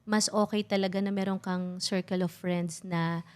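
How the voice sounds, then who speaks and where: A woman's voice: on the low side, fairly even intonation, normal speed, smooth. Candid, reflective woman mixing in English. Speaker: podcast guest. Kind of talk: emotional casual chat.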